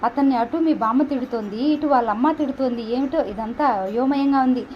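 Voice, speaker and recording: A woman's voice: high-pitched, brisk, slight background noise, lightly acted. Woman voicing a pleading middle-aged mother. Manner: gentle, imploring. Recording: dull lo-fi recording.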